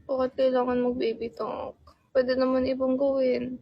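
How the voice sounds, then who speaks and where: High-voiced young woman chatting playfully. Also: monotone, slightly rough, highs cut off. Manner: playful, laughing, teasing, switches to slow soft tones. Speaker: livestreamer. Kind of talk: casual livestream chat.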